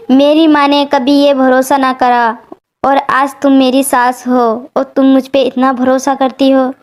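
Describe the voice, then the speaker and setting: A woman plays a young new bride in a storybook tale, earnest and emotional. The voice is high and quick. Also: darkish tone.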